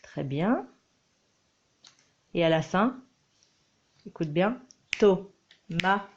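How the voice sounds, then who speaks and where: Mother-teacher, gentle and instructive, talking slowly, low-fi home audio. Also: lively intonation, muffled recording, slight background noise. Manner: patient, coaxing, instructive. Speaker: homeschooling mother. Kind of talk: reading lesson with a child.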